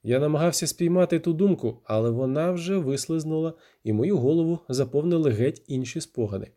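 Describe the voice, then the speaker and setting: A man reading a first-person audiobook in a measured, steady storytelling manner. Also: fairly high pitch. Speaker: audiobook narrator.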